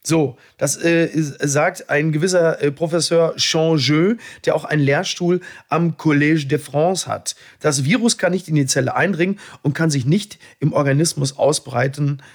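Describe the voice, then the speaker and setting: Male co-host, slightly high, husky voice, dry ironic delivery. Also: moderate pace, hardly any pauses. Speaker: podcast co-host. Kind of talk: casual chat.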